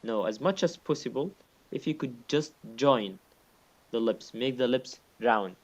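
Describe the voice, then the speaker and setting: A man's voice: mid-range voice, lively intonation, unhurried, slightly rough. A man teaching recitation in a one-on-one lesson, patiently repeating his points and sounding out examples himself.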